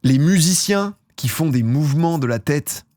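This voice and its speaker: A man's voice: on the high side, animated, moderate pace, darkish tone, no echo, clean studio sound. A young man from France chatting casually on a live stream, rambling and slangy, often laughing at himself. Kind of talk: casual chat with chat viewers.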